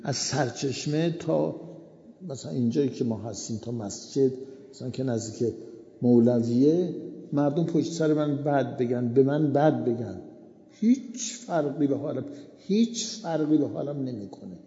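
Man, sermon, very dark warm voice, dull lo-fi recording. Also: medium pitch, expressive. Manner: slow, repetitive moral teaching. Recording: echoey hall, dull lo-fi sound.

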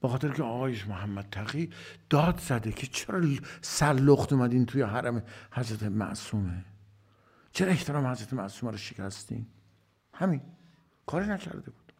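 A man's voice: mid-range voice, expressive, darkish tone, slightly rough. A man giving a religious sermon, asking rhetorical questions and answering them himself, rising to emphatic bursts and dropping to whispered asides. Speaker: preacher.

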